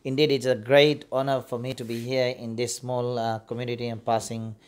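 A man's voice: mid-range voice, little pitch movement, a little fast, clean tone. A middle-aged man from Australia, a visiting preacher, greeting and interviewing with Arabic blessings, holding a handheld mic indoors. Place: small mosque prayer room, indoors.

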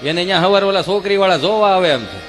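A man's voice: sits high, lively intonation, fast, fairly bright tone, faint music behind. A man grumbling through a comic village rant. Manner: grumbling, exasperated complaining.

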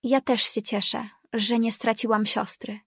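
A woman reading the lines of a worried teenage sister in an audiobook, soft and affectionate. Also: fairly high pitch, level tone, measured pace, breathy edge, no echo, clean studio sound. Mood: tender.

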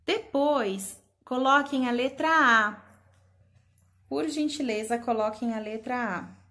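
Preschool teacher, woman, slow and patient, a touch high, spells out each letter. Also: sharp tone. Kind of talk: slow remote lesson for young children.

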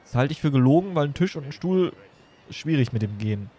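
A man's voice: a little high, animated, fairly quick, warm tone. A man chatting casually and playfully as he livestreams a game, rambling from one thing to the next. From Germany. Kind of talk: casual chat while streaming a game.

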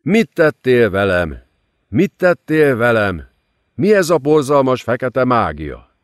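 A man's voice: medium pitch, big pitch swings, dry recording, studio quality, pitched above the performer's own voice, natural voice. Man reading a desperate terrified young woman. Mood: despairing. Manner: pleading.

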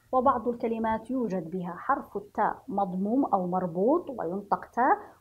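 Husky woman teaching young children. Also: mid-range voice, phone-quality sound. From Yemen. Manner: slow, clearly spelled out, questioning the class. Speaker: primary school teacher. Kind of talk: children's reading lesson.

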